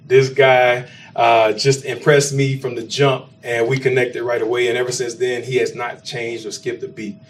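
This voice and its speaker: A man's voice: medium pitch, level tone, moderate pace, few pauses, slight background noise. A man hosting a food and talk podcast, introducing his guest with playful, hyped energy. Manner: hyped, playful, jokes about his own delivery. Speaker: podcast host.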